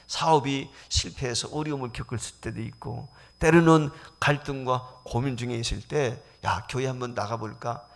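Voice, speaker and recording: A middle-aged man, a senior pastor, preaching a sermon to his congregation, swinging between loud exclamations and hushed whispers. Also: medium pitch, vocal fry. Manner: addresses the congregation directly as "여러분".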